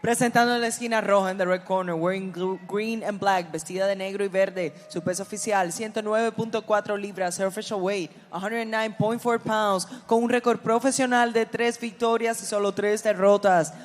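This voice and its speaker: A woman's voice: mid-range voice, steady tone, fairly quick, few pauses, faint music behind. A woman making bilingual English and Spanish ring announcements in a formal, showy manner, drawing out names. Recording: long hall echo over arena speakers.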